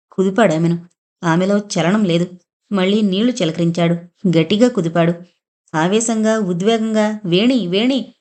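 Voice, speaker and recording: A woman reading a horror thriller audio novel aloud, in a steady, dramatic storytelling manner. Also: medium pitch. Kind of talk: scripted horror narration.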